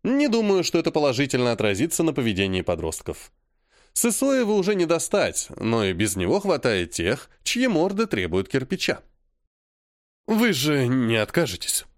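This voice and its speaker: A man's voice: on the high side, wildly swooping pitch, moderate pace, dry recording. A man reading a first-person audiobook in a dry, matter-of-fact manner. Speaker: audiobook narrator.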